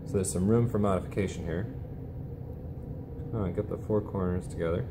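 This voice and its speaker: A man with a very low voice, a teacher demonstrating a recipe, explains the cooking in a relaxed way full of casual fillers, speaking a little fast. He's recorded on a camera mic at an indoor bench, with a clear, steady hiss of background noise beneath him.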